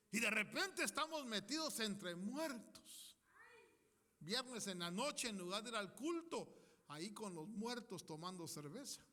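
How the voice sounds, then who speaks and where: A man preaches a sermon in a church hall with a long, ringing reverb. His voice sits high and swings widely in pitch, with a bright, forceful edge. He talks emphatically, leading the congregation in declarations. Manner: emphatic, leads congregation in declarations, acts out quoted people.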